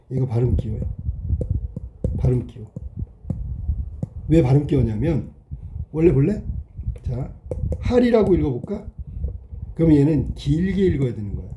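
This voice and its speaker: A man's voice: a little high, mellow, a little hiss or hum. A man teaching a class, explaining step by step and often stopping to ask whether the students understood. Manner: questioning, checks understanding often. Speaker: Korean language teacher. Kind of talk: classroom lecture, explaining while writing.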